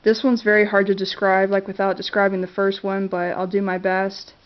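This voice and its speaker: Muffled home-camera sound captures a woman with a cold reviewing her favorite movies in a casual talk to camera. Her mid-range voice is monotone, and she halts often, clearing her throat and leaning on fillers and restarts.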